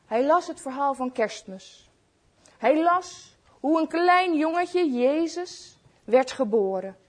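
Slow, lively woman reading to children. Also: high voice. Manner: slow and expressive, addressing listeners. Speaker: storyteller.

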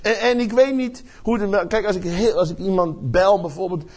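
An older man preaching a sermon with passion, swinging from loud outbursts to hushed words and often repeating words as he searches for phrasing. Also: high-pitched, moderate pace. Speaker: pastor.

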